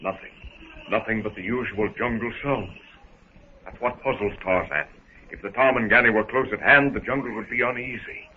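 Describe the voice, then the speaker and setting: A man with a lowish voice, at normal speed, delivers scripted, dramatic narration for a 1930s adventure radio serial. His storytelling is theatrical and in the present tense, heard through a scratchy, phone-like 1930s radio recording.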